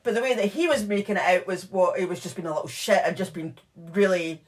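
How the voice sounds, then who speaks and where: A woman's voice: lowish voice, fast. Woman cohost on a true crime pod, rambly casual chat, lots of likes. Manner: chatty, filler-heavy retelling of case notes. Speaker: podcast co-host.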